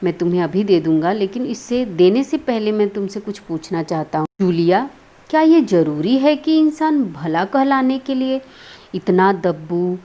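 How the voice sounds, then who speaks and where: A stern male master of the house with a loud, scolding voice that is close to shouting, as a woman reads his lines. He sounds harsh and demanding as he drills his point home. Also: medium pitch, lively intonation, moderate pace, lightly acted. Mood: lecturing.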